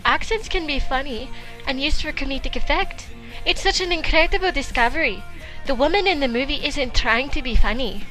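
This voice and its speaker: A woman's voice: sits high, a little fast, bright, forceful tone, faint music behind. A woman giving blunt, teasing comedic commentary.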